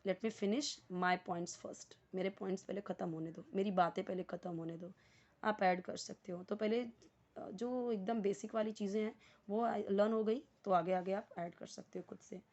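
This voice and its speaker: A woman with an Indian accent teaching basic spoken English, explaining patiently and repeating each English phrase slowly. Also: medium pitch, fairly even intonation, warm tone, muffled recording. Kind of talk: spoken English lesson in Hindi.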